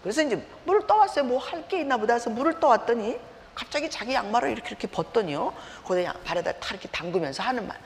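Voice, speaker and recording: A woman's voice: on the high side, quick pace. A middle-aged woman preacher giving a sermon woven with personal stories, acting out scenes as she tells them. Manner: animated storyteller, acts out scenes. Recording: reverberant hall, faint background noise.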